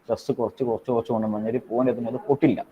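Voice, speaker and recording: A man teaching an online class, explaining in quick repetitive Malayalam and pausing to dictate notes slowly in English. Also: mid-range voice, fairly even intonation. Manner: repetitive, checks in with students often. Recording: dull lo-fi online call audio with faint noise.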